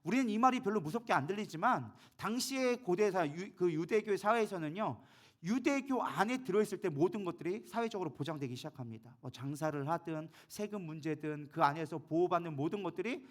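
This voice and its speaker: A man's voice: high voice, expressive, brisk. A male pastor preaching a sermon, telling the story vividly and acting out the quoted lines, with frequent fillers and self-corrections.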